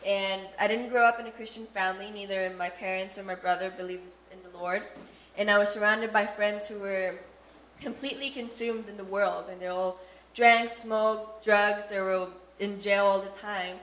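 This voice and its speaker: A young woman from Costa Rica tells her faith testimony in a plain, earnest way. Her pitch sits in a middle range. The room carries a noticeable echo. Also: steady tone, normal speed, a bit bright. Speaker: testimony speaker. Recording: echoey room.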